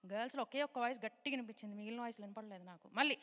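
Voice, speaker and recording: A woman teaching a children's Bible class, lively and coaxing the children to shout answers and pray. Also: a little high, racing, in a large hall. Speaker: Sunday school teacher.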